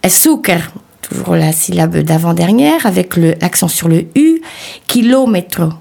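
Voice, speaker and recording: Husky woman going through spelling rules. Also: on the low side, big pitch swings, normal speed, dark tone. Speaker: radio co-host. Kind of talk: language lesson chat on radio.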